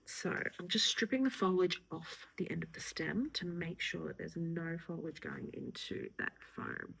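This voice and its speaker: Chatty gravelly-voiced woman florist teaching. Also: on the low side, lively intonation, moderate pace, a bit bright, rough recording. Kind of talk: casual instructional talk while working.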